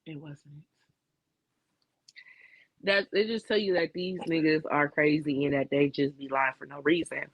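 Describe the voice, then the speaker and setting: A woman's voice: low voice, steady tone, measured pace, long pauses, no echo, highs cut off. Co-host, woman, chatty and blunt, recorded dry with no room sound. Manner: candid, profane storytelling with lots of fillers. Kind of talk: casual chat.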